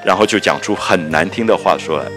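A man lecturing on a classic novel, retelling and explaining scenes in a lively way, often filling pauses with "ah" and "okay". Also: sits low, faint music behind. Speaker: literature lecturer.

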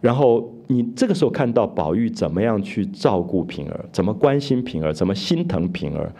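A man's voice: on the low side, big pitch swings, a little fast, gravelly, mellow, slightly rough. A man giving an explanatory lecture on a classic novel, retelling its scenes and asking his listeners rhetorical questions. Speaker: literature lecturer.

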